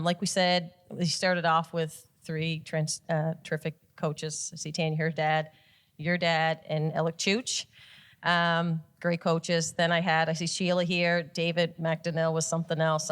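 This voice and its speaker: Lower-voiced Nova Scotian woman, candid. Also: clean tone. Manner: candid, self-deprecating, laughs often. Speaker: panelist. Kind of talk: casual panel talk.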